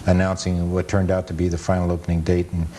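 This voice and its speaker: This American photo historian and author speaks as a guest on a television interview, captured in a noisy 1980s cable TV recording. His voice is low-pitched, monotone and mellow, and he talks quickly. The explanations come across as casual, plain and matter-of-fact.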